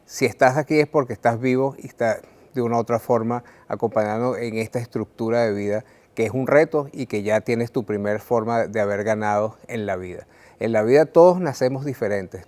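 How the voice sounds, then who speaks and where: A Venezuelan man, a writer, speaking earnestly and reflectively to the viewer about his life, with frequent "eh" pauses and repeated words. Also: medium pitch, darkish tone. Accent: Venezuelan Spanish. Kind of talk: reflective personal talk to camera.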